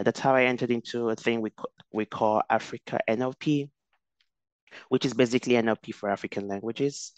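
Lowish and clean in tone, the voice belongs to a young man from Nigeria, a guest researcher on a video call interview. The headset recording is dry, and he speaks thoughtfully, restarting often and using many fillers.

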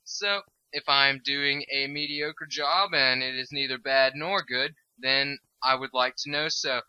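A medium-pitched voice, a little slow, sharp yet smooth, comes through dry, dull audio. Tired and stoned, the young man rambles through easygoing gameplay commentary, cursing freely and losing his train of thought.

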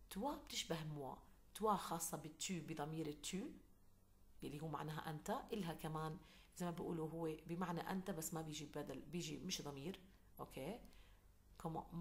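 A woman with a Levantine Arabic accent teaching a French lesson to children online, repeating phrases slowly and checking in with "okay?" after each point. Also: low-pitched.

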